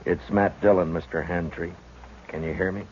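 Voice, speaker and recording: An actor playing a steady, authoritative frontier marshal in a radio western, with a terse, measured delivery. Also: male voice, low voice, natural voice. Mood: earnest, reassuring. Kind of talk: 1950s radio western acting and narration. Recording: muffled, noisy old radio recording.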